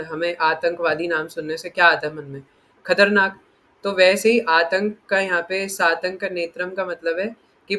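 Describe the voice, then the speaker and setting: A man giving an animated scripture discourse, often asking "right?" and laughing as he explains. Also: high voice. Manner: animated, acts out quotes, frequent tag questions; playful, laughs while explaining. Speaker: spiritual teacher.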